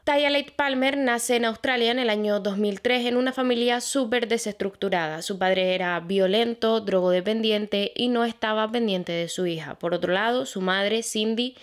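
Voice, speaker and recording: Young female true-crime host, conversational and direct, mid pitch. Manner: chatty, addresses viewers directly, fillers like "pues". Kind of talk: casual true crime narration.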